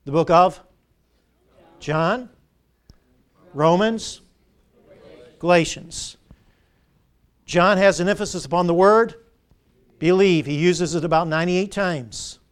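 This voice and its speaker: A high-pitched male preacher in middle age delivers a sermon in a church. He drives his points home with repeated phrases and call-and-response questions to the congregation. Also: slow, pauses often, clean tone.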